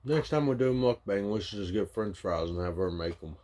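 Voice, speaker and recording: A laid-back man with a Southern US accent and a low voice speaks briefly between bites. His remarks are short and easygoing. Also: animated, a little fast, a little mellow. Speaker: vlogger, mukbang co-host. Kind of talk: casual chat while eating.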